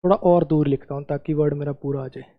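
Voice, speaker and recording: A man's voice: on the high side, steady tone, fast, narrow, tinny audio. A man teaching English grammar in a classroom-style lesson, repeating key words and checking that students follow.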